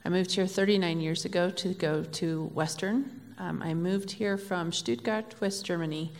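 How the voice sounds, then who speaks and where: A woman candidate begins her opening statement at a forum in a measured, soft-spoken way. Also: fairly low pitch, steady tone, in a large hall.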